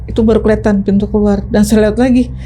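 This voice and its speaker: A woman guest telling her own story in a chatty, animated, casual way, tagging her sentences with fillers. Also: mid-range voice, fast, a little hiss or hum. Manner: chatty, animated, tags lines with "gitu". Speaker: ride-hailing driver, interview guest. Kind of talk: casual first-person storytelling.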